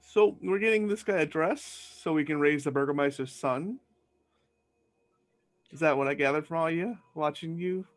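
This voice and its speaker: A man's voice: a little high, moderate pace. A man playing in a tabletop game, chatting casually with wry, dry humor. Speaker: player.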